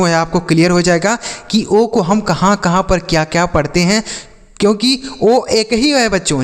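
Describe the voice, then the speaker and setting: A man's voice: high-pitched, in a large hall. A man teaches English phonics to students. He keeps quizzing them with questions and then answering them himself. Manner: repetitive quiz-style questions and answers. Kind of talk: classroom-style phonics lesson.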